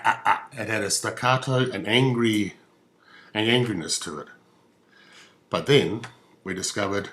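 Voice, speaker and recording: Dry New Zealand man, mock lecture. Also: lowish voice. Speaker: comedy musician. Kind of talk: comic stage monologue.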